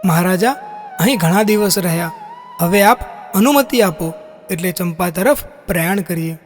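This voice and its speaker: A man's voice: high voice, moderate pace, lightly acted. An actor playing a young prince who respectfully asks the king's leave to set out. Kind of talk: devotional audio drama. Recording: long reverb, soft music.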